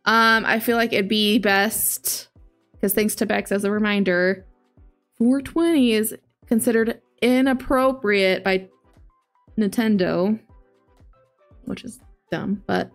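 A woman in her late twenties, a video game streamer, hosts a livestream from her home living area, chatting casually with viewers and reading chat aloud. She speaks slowly in a mid-range voice with long pauses, using a large desk microphone up close and wearing a headset, while faint music plays behind.

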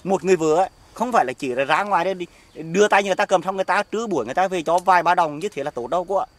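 A scornful, jealous husband with a Northern Vietnamese accent, acted by a middle-aged man, hurling sarcastic taunts in a rapid, fairly high voice. The sound is dry and close, recorded outdoors in an orchard for an amateur skit. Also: no room sound, close to an everyday voice. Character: jealous, hard-drinking husband, scornful and accusing.

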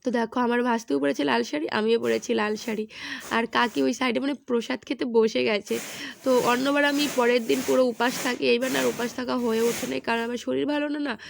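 Hoarse, gravelly high-voiced woman. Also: steady tone, fast talker, a little hiss or hum. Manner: lying down while recording, chatty, addresses viewers. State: hoarse, feverish. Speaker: vlogger. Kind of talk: casual voice-over narration. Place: indoors at home, lying in bed.

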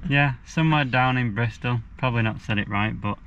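A young man chatting casually for a travel vlog from inside a car, relaxed and using British slang. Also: mid-range voice, fairly quick, slight background noise. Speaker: vlogger. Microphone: camera on dashboard. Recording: dull lo-fi sound with loud music.

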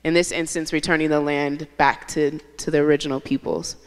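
A young woman with a low, smooth voice leads an onstage interview into a handheld mic. She sounds earnest and stacks her points one after another. A long hall reverb trails her words. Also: little pitch movement, brisk. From Indiana. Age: young adult. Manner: earnest, speaks in building lists. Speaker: interviewer, host. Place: large hall stage, seated.

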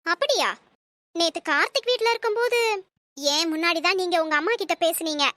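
A woman voicing a cold, defiant young wife in an animated cartoon, speaking in sharp, cutting retorts. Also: very high voice, brisk, dry recording. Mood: angry, scornful.

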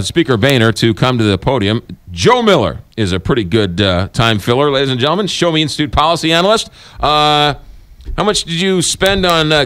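A middle-aged man hosting a talk radio show in a studio, brisk and teasing, quick to sum up his guest's points. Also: medium pitch, fairly bright tone, clean tone, dry recording. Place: radio studio with a window view of a city. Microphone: studio microphone on a boom arm.

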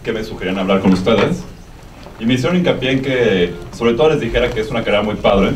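Low-voiced young Mexican man, echoey room. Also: quick pace. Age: young adult. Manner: colloquial, hesitant, meandering. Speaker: guest speaker, media production worker. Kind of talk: informal conference talk. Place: university lecture room. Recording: echoey room, distant sound, background noise.

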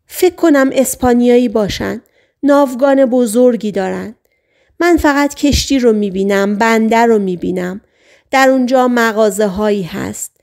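A woman reading the part of a hypnotized patient who relives a past life as a male sailor, speaking in short, halting sentences as if in a trance. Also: a little high, gravelly, a little mellow. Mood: dreamy. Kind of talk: audiobook reading.

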